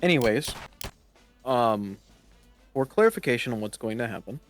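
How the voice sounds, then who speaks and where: A man acting as game master, wrapping up a roleplay session in casual chat over an online voice call. He speaks in a laid-back way, pausing with ums and restarting phrases. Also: mid-range voice, animated, soft background music. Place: online voice chat in a virtual world.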